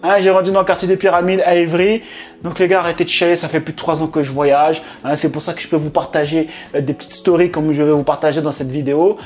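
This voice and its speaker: A chatty man telling a casual storytime to his viewers, slangy and direct, his voice sitting a bit high for a man. Soft music plays faintly behind him. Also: level tone, fast talker. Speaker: vlogger and business coach.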